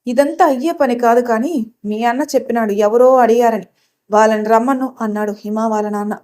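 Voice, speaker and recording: A woman's voice: on the high side, brisk, close to an everyday voice. Woman doing a stern angry village father. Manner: harsh, loud, lecturing. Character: stern village father, middle-aged man, usually gentle.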